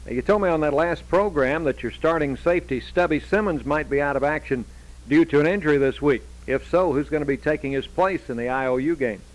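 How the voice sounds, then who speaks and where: A man's voice: fairly high pitch, a little fast, close to an everyday voice, rough recording. A man playing an earnest radio sports interviewer. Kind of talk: radio comedy sketch.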